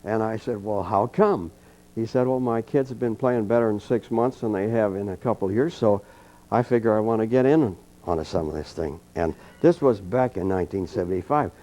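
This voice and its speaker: Speaking at a moderate pace in a lower register, an elderly man runs a trumpet clinic for a college audience. He tells homespun stories and leads a breathing exercise with calm guidance, captured on a dull, lo-fi archival tape.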